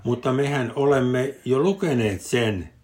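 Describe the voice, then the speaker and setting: A grandfather voicing a small, excitable piglet girl in a read-aloud storybook, talking high and eager. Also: close to an everyday voice. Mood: protesting.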